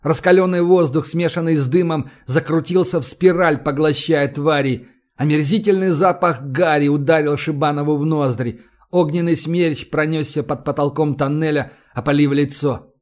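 A man narrating an audiobook in a steady, measured reading voice. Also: a little high.

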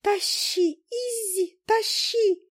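A woman doing a shrill fussy little fly. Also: drawn-out words, exaggerated voice. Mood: fretful. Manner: shrill, fretful and scolding. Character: fussy tiny female talking fly.

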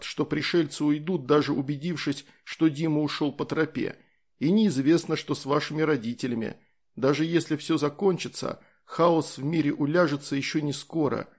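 A man voicing a calm, easygoing soldier in an audiobook, explaining things in a matter-of-fact way. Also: fairly high pitch, slightly rough.

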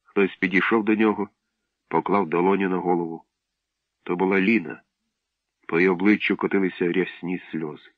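A man with a low voice narrates a story in a measured, expressive way. The recording is dull and lo-fi, close and dry, with no room sound. He reads steadily and clearly. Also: dry recording. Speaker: audiobook narrator.

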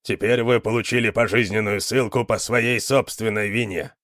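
A man's voice: lowish voice, fairly even intonation, normal speed, a bit bright, no room sound, clean studio sound, lightly acted. A man voicing a stern, scornful older male guard in a read-aloud story, scolding and indignant.

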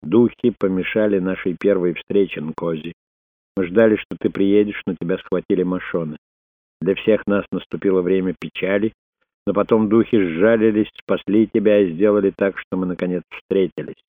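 Grave old sorcerer guy, man reading him, low and slow-spoken, tinny dry audio. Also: steady tone, dry recording. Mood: solemn. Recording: dry, phone-like narrow sound.

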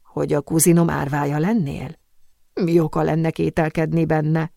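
A woman plays a suave, worldly perfume master in an audiobook, calm and assured with a light teasing edge. The voice is low and close, with no room sound. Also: creaky, no room sound. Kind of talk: audiobook character reading.

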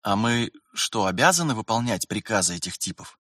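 A man's voice: fairly low pitch, animated, fairly quick, pushed and bright, no room sound, clean studio sound. A man voicing an eager young male trainee who pleads and protests with pointed questions. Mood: indignant.

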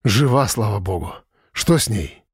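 A man voicing a calm, commanding adult rescuer. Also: mid-range voice, a little fast, dry recording, clean studio sound, close to an everyday voice. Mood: relieved.

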